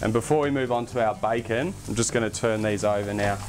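A young man hosting a casual cooking demonstration in a home kitchen, relaxed and chatty, with self-deprecating asides. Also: on the low side, fairly quick. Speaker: cooking show host. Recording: background music under the voice. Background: music and pan sizzling.

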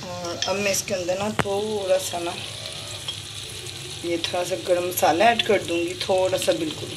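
A lowish, steady, unhurried voice belongs to this woman vlogger, who casually walks through a home recipe step by step and points things out as she goes. Her manner is chatty, with "ye dekhiye" repeated at every step she shows. The sounds of sizzling and kitchen noise run behind her in the home kitchen.

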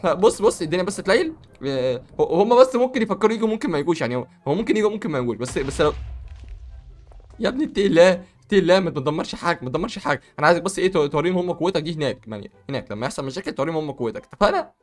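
Fast-talking excitable Egyptian man. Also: a little high. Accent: Egyptian Arabic. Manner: excitable, bossy, sudden loud outbursts. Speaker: gaming YouTuber. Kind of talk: game role-play commentary.

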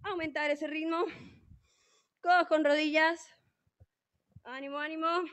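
A woman's voice: high-pitched, unhurried. A woman coaching a live online fitboxing class, calling out counts and cheering the students on. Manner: energetic, encouraging, calling out counts and cues. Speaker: fitboxing instructor.

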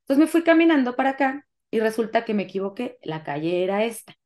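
A woman's voice: on the high side, fast. A young adult woman with a Mexican Spanish accent, telling her personal story as a guest in an interview, acting out the dialogue as she goes. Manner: animated storytelling, acts out quoted dialogue.

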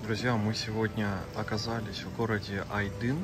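A man's voice: fairly low pitch, flat delivery, normal speed, music in the background. Chatty man vlogging with a phone. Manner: chatty, addresses viewers as friends, many fillers. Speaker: travel vlogger. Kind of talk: casual travel vlog narration. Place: outdoors and in hotel rooms, walking with a phone.

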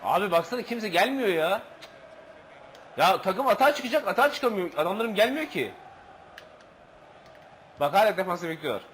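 A man's voice: high-pitched, lively intonation, moderate pace, long pauses, a bit bright, slight background noise, low-quality recording. A man commentating his own football video game match, swearing, groaning and slipping into mock play-by-play. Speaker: gaming channel host. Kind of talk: gameplay commentary.

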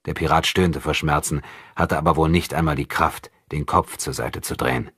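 A man narrating an audiobook in a measured, even storytelling manner on a close studio mic. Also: very deep voice, slightly rough, no echo. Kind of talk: scripted narration.

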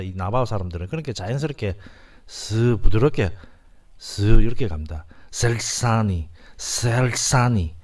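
Low-voiced man sounding out words. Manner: repeats words and sounds out syllables slowly, often starts with "자". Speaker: lecturer on language history. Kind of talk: informal lecture.

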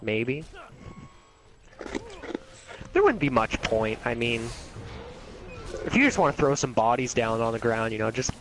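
A man's voice: medium pitch, lively intonation, normal speed, noisy background. A young man with a Canadian accent, chatting casually while gaming, rambling and swearing a lot. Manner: rambling, swears often, many "like"s. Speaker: gamer. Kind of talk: casual gaming chat over voice call.

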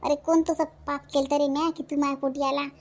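Voicing a cartoon character, a woman plays a shrill, furious widowed village mother from Vidarbha, middle-aged and fierce, scolding in a Vidarbha Marathi accent. Her delivery is a little fast, with little pitch movement.

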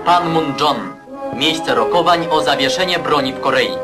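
A man's voice: a little high, expressive, moderate pace. Stern 1950s newsreel narrator, man. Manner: declamatory, stern propaganda delivery. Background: loud music score.

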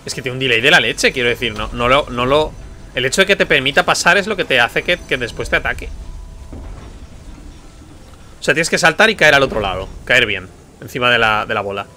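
A man's voice: mid-range voice, fast, pushed and bright. A man from commentating his gameplay, frustrated, muttering and swearing. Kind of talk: let's play commentary. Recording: faint music behind.

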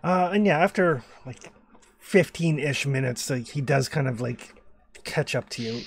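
A man's voice: medium pitch, lively intonation, measured pace. A man narrating as game master, hesitant with lots of fillers.

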